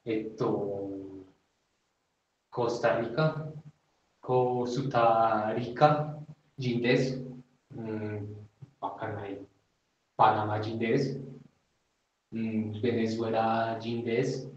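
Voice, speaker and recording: A man's voice: on the low side, fairly even intonation. A man from Colombia, giving an informal Japanese lesson and hesitating often with fillers. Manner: hesitant, many fillers, slow and deliberate. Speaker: Japanese teacher. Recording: far from the mic in an echoey, dull-sounding room.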